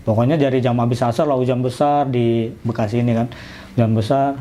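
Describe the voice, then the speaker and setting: A man telling his own story in a casual interview, acting out conversations in lively slangy speech. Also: medium pitch, brisk. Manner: animated, acts out dialogue in slangy speech. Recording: faint background noise.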